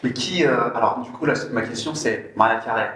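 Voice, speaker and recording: A man's voice: medium pitch, fairly bright tone, slight background noise. Hesitant male host in an echoey room. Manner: hesitant, many fillers and restarts, quick laughs. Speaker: interview host. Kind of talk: casual interview.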